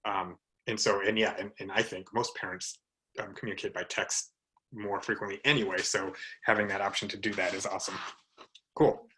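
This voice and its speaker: A man's voice: fairly low pitch, fairly even intonation, brisk, a bit bright, low-quality recording. A man hosting a video meeting on special education, talking in a friendly, encouraging way with fillers. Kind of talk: casual video meeting talk. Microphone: video call.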